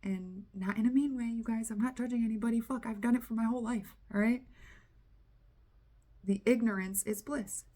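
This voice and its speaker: A woman's voice: fairly high pitch, moderate pace. A woman, a tarot reader and spiritual coach, giving a casual channeling talk in a candid, earnest way, swearing now and then and acting out inner voices. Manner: animated, acts out inner voices.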